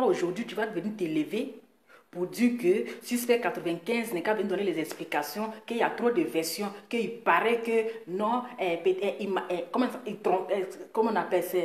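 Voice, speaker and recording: A woman giving a ranting live commentary indoors, scolding and firing off repeated rhetorical questions. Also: medium pitch. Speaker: online commentator. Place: indoors in a residence. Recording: echoey room.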